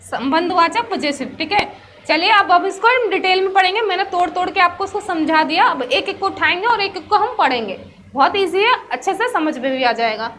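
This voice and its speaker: A woman gives an English grammar lesson in a chatty classroom way, often putting a question and answering it herself. Her voice sits very high and sounds bright and forceful. A faint hiss runs under the recording. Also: lively intonation, brisk. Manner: chatty teacher who asks herself questions and answers them. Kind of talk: explanatory class lesson mixing Hindi and English.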